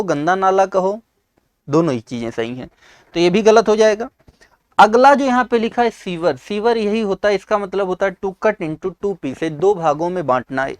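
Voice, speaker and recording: At a moderate pace, a North Indian-accented man with a high voice explains exam-prep English by asking questions and then answering them, using English terms along the way. Captured in a dry, close recording, he frequently clears his throat and coughs.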